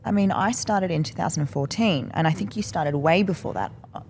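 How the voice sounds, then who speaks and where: A woman hosting a podcast in casual chat, affirming her guest and quick to laugh. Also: lowish voice, darkish tone, a little hiss or hum. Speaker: podcast host.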